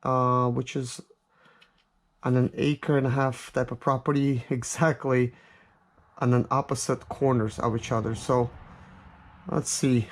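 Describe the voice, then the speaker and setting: In an office, a man who reviews products and hosts a vlog talks through an unboxing, informal and hesitant as he thinks out loud. His medium pitch barely moves, and he speaks unhurriedly with long pauses. Clicks and background noise come through on an otherwise clear recording.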